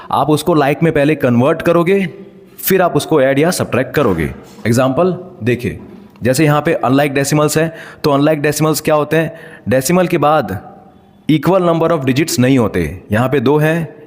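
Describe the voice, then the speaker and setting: A man explaining decimals step by step as a teacher, patient and checking in frequent rhetorical questions. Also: on the high side. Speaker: math teacher. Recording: long hall reverb.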